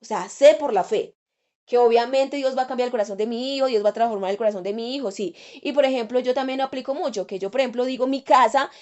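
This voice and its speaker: A woman's voice: a little high, quick pace, darkish tone. A woman preacher giving an earnest sermon, repeating key phrases for emphasis.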